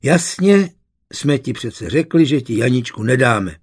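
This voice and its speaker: A man doing a gruff dried-up old father. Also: medium pitch, lively intonation, no echo, clean studio sound. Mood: irritable. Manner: gruff, irritable.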